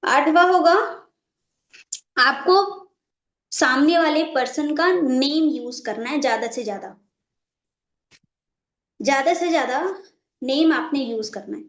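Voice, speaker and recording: A woman's voice: high-pitched, unhurried, pauses often, fairly bright tone, roomy sound. A woman running a live online training session, stopping again and again to check that her class is following and repeating her points. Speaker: network marketing trainer.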